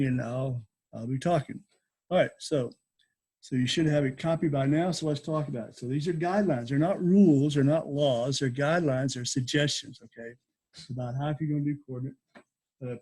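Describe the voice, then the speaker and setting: Male teacher for a recorded lesson: relaxed, slightly raspy tone, informal explaining with regular little check-ins. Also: mid-range voice, poor audio. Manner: informal, frequent check-in tags like okay and all right. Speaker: geometry teacher.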